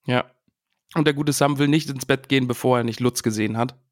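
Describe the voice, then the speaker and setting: A man's voice: mid-range voice, fairly even intonation, fairly quick, no room sound, studio quality. A man co-hosting a casual podcast about a book, cheerfully reading passages aloud with feeling. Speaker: podcast co-host.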